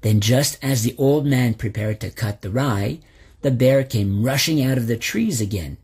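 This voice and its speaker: A man narrating a folk tale in a slow, expressive storybook reading. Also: medium pitch, breathy edge.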